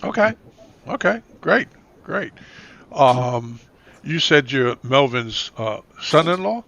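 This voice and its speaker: A man's voice: mid-range voice, animated, slow, gravelly, fairly bright tone. A man hosting a talk show, moderating guests over a conference call with short acknowledgments and hesitant fillers. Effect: conference call audio. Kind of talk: casual moderating of a group call. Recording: muffled lo-fi conference call line.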